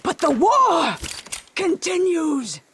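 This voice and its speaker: Shrill, high-pitched, overblown fighters who milk every defeat with slow, grandly tragic cries. Their words stretch out as if on a stage. Loud game battle noise crashes around them. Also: female voice, very animated, full character voice. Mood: melodramatic. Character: melodramatic role-play fighters dying theatrically. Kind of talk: video game combat barks.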